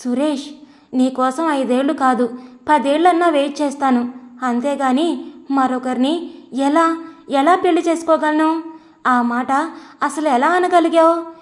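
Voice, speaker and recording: A woman's voice: sits high, unhurried, long pauses. A woman reading as an anxious young woman. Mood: pleading. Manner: pleading, earnest.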